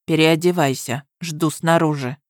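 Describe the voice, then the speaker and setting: A woman voicing a stern, suspicious young male guard commander in an audiobook, speaking flatly and coldly. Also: sits low, unhurried, no echo, studio quality. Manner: flat, cold, commanding. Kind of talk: audiobook character reading.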